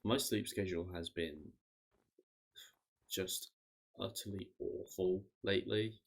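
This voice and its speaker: Tired low-voiced man rambling while gaming. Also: fairly even intonation, takes it slowly, slightly rough. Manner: rambling, self-interrupting, swears casually. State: voice going hoarse, tired. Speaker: streamer. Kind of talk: casual gameplay chat.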